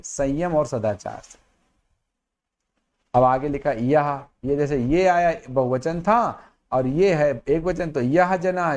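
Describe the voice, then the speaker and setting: A man teaching Sanskrit grammar who explains each word in Hindi, repeats phrases, and recites verses slowly. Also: a little high, a little mellow. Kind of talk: slow explanatory lesson with recitation.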